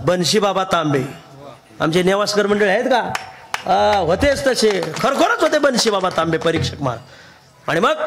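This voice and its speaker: A man from Maharashtra delivers a devotional kirtan sermon in a high voice. He tells stories with humour and sing-song emphasis, often laughing as he talks. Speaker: kirtan preacher.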